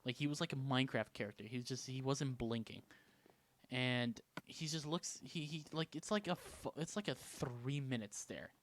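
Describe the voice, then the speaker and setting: A man from Canada telling a story in a casual vlog, animated, jumping between loud bursts and hushed asides. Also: mid-range voice, moderate pace, slight background noise. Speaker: vlogger.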